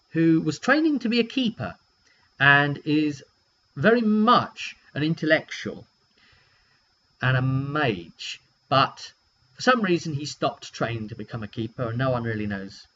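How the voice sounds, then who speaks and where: Medium in pitch with a fairly bright tone, a man looks back on a tabletop game he ran as game master. He rambles in a casual, wry way and acts out brief snippets of dialogue. The mic is lo-fi and dull, with a hum.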